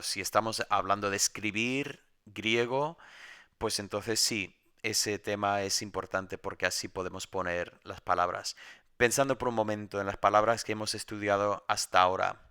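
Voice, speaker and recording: Male teacher giving a recorded lesson at home; bright, resonant voice, patient explanation. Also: lowish voice, smooth. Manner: explanatory, with many restarts. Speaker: Greek teacher.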